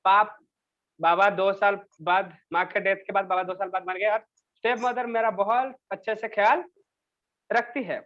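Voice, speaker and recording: Male teacher, high voice, unhurried delivery, dull lo-fi sound, reads a line then explains it. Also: fairly even intonation. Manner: reads English sentences slowly, then explains them in Hindi. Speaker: English teacher. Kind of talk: bilingual class explanation.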